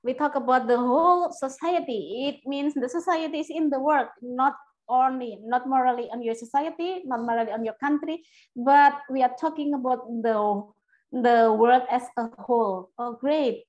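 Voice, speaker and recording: A woman's voice: sits high, moderate pace, darkish tone, rough recording. A woman law lecturer giving an interactive lecture, calling on students by name and repeating her questions.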